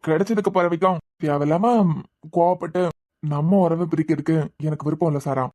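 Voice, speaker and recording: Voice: mid-range voice, steady tone, brisk, dark tone, lightly acted. A performer voicing a young husband who is a police officer in a cartoon series, defensive and pleading, with a Kanyakumari Tamil accent. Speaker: cartoon character. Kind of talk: cartoon web series dialogue.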